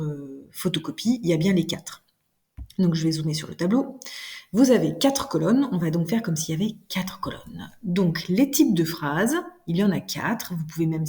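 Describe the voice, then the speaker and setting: A woman teacher giving a recorded grammar lesson, explaining slowly and deliberately with frequent hesitations. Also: on the low side, dark tone. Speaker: French teacher.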